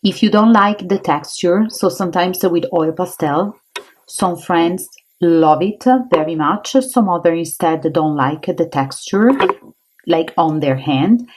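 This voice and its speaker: A woman's voice: fairly low pitch, unhurried, a little hiss or hum, low-quality recording. A woman from Italy with an Italian accent, an art teacher chatting encouragingly while she draws with oil pastels. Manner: chatty, encouraging, thinks aloud while drawing. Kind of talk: casual art tutorial.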